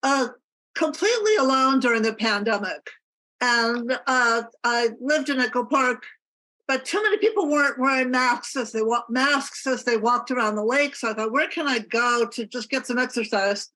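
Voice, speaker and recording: Woman author with a slightly high voice, telling a story casually on a video call. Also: expressive, moderate pace, sharp tone, low-quality recording. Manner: conversational storytelling. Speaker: author and filmmaker.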